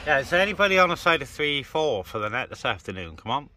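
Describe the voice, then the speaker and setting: A fast-talking man with a sing-song, mid-range voice chats colloquially and casually to a handheld camera or phone, someone operating it from behind. The CB radio hobbyist is vlogging outside next to a car on open, breezy moorland, and vehicle and ambient noise make the recording noisy.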